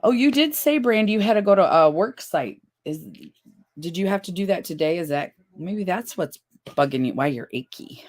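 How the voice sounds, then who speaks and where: A woman's voice: fairly low pitch, lively intonation, moderate pace, a little mellow. A woman in her fifties hosting a casual livestream chat, reading viewers' comments aloud. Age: 50s. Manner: chatty, reads viewer comments aloud with laughs. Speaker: livestream host.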